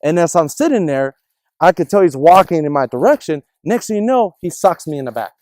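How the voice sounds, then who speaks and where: A man telling a personal story in casual discussion, animated and acting out the people in it. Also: on the high side, brisk, no room sound, studio quality. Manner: animated, acts out other people's voices in his stories.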